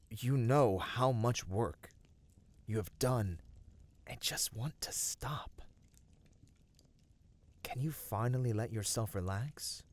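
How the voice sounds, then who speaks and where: In a scripted ASMR roleplay, a man with a fairly low voice plays the gentle, caring companion of a fantasy hero. He speaks soothingly and earnestly in formal phrasing, his mood one of soft concern.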